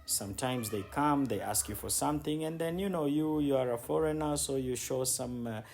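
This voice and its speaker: Here a man's mid-range voice, a little mellow, moves at a moderate pace. He's a travel vlogger and city guide giving easygoing commentary as he shows viewers around outdoor city streets, leaning on repeated words for emphasis. Background noise and street sounds come through.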